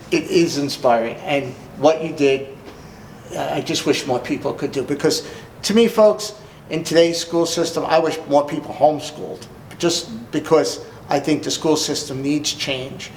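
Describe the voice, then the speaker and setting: A man's voice: a little high, measured pace, reverberant, a little hiss or hum, rough recording. A man with a New Jersey accent, hosting an interview in a folksy, emphatic way. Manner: folksy, emphatic, repeats "let me tell you". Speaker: host. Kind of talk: casual interview.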